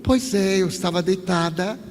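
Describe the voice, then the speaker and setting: A man's voice: high-pitched, moderate pace, long reverb tail, lightly acted. A man with a Bahian accent voicing a distressed woman searching for her son, speaking plaintively and earnestly. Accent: Bahian Portuguese.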